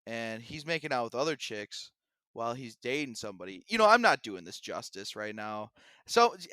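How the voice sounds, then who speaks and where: A young man on a podcast, talking in a bright, clean voice with a dry, close sound. He chats casually and gets animated, sometimes putting on mocking rants. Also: mid-range voice, no room sound. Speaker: podcast co-host. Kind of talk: casual chat.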